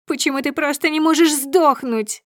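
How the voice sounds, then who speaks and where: A woman's voice: sits high, moderate pace, fairly bright tone, no room sound, studio quality, voice pushed up. A woman playing a shrieking furious woman. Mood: enraged. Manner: shrieking, hysterical. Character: furious unhinged woman screaming threats.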